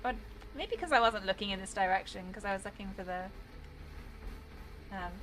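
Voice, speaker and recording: A woman's voice: mid-range voice, normal speed, background noise. A British woman chatting casually while streaming a game, rambling and laughing often. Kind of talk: casual gameplay commentary.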